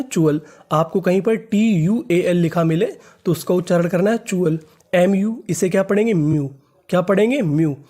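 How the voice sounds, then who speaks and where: An English reading teacher who spells words out letter by letter, asks questions and answers them himself, and drawls key words slowly when he repeats them. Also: mid-range voice, warm tone.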